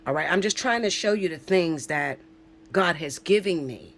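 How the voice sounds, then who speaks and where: A woman's voice: fairly low pitch, lively intonation, moderate pace, a bit bright, slight background noise. A woman in her forties, a spiritual reader talking casually and emphatically to viewers, swearing freely and often checking in with "okay?". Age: 40s. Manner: emphatic, preachy, swears, keeps asking "okay?". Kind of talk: casual spiritual vlog talk.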